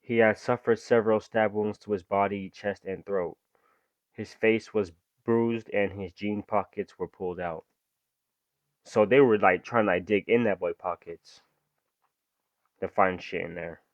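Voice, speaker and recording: The highs are cut off and there's no room sound as a young man reads a true-crime story and then drifts into slangy reactions. He's a reaction video host whose voice is fairly low in pitch, steady in tone and a little slow.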